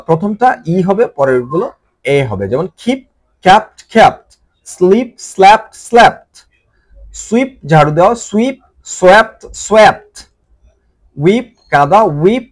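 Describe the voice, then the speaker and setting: A man with a Bengali accent runs an English vocabulary lesson, saying each verb form over and over in a chanting drill. His voice sits somewhat high and swings widely in pitch as he stresses each form. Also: big pitch swings, moderate pace. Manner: repeats each word form several times in a sing-song drill. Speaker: English teacher.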